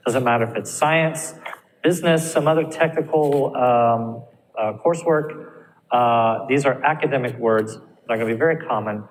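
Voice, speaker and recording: A man teaching an English pronunciation lesson in an even, mid-pitched voice, steadily encouraging his students and checking in with them often. The recording carries a long reverb and a faint hum of room noise. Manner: encouraging, checks in with frequent "all right?". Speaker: ESL teacher. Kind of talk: recorded classroom lecture.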